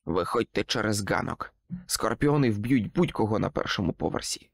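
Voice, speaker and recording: A cold, threatening sorcerer, put on by a male audiobook narrator, dragging out his words with slow menace. The voice is gravelly and dry, with no room sound. It swings between low growls and sharper rises. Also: animated, no room sound. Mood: menacing.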